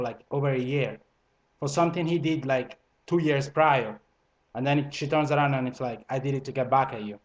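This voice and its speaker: A man raised in Italy speaks English with a blended Italian and French accent. He gives casual, meandering relationship advice to the camera, full of fillers and self-corrections, at a medium pitch. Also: low-quality recording. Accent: multilingual, Italian and French mixed into English. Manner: conversational, frequent fillers and restarts. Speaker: vlogger.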